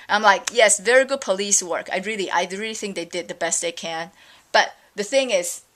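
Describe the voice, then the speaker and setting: A woman's voice: mid-range voice, fairly bright tone. A middle-aged woman from Taiwan, ranting casually in a vlog with many fillers and an exasperated manner. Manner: rambling, exasperated, frequent fillers. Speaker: vlogger. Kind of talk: casual opinion rant.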